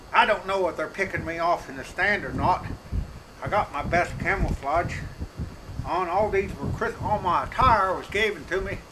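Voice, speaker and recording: Middle-aged man, high-pitched rural drawl, deadpan comic monologue, outdoor mic with wind noise. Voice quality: slightly hoarse. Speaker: comedic hunting show host.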